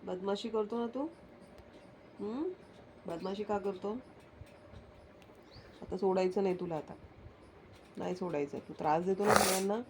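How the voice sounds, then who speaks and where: Pet owner, female, unhurried coaxing baby talk at home, light background noise. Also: mid-range voice. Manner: coaxing, sing-song, teasing questions. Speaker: pet owner talking to her dog.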